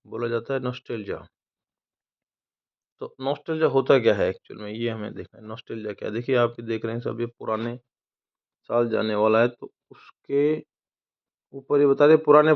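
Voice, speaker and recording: A man teaching English from newspaper headlines, who asks and answers his own questions and reads the English lines slowly, word by word. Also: mid-range voice, creaky. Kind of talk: explaining newspaper headlines and dictionary words. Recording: tinny phone-like audio.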